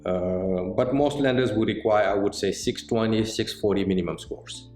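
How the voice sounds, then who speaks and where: A middle-aged man from Senegal, a mortgage banker answering interview questions in a measured, explanatory way with frequent pauses. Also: on the low side, a little mellow. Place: indoor office set with bookshelves. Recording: roomy indoor sound with faint music.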